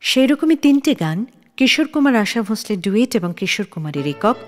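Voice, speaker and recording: A woman hosting a radio show narrates a scripted story about film history. Her fairly high voice swings widely in pitch and moves at a quick pace, with long reverb on the recording.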